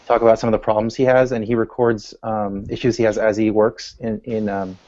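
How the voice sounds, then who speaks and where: A man's voice: fairly low pitch, flat delivery, a little fast, dark tone, slight background noise. A man in a casual group discussion on a call who speaks hesitantly, with many fillers. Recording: dull lo-fi call audio.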